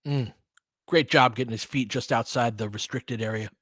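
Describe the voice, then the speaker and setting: This man's slightly rough, mid-range voice moves at a moderate pace as he calls basketball live like a fan analyst. He talks in short clipped phrases, shifting between low asides and excited calls, recorded cleanly in a studio without echo.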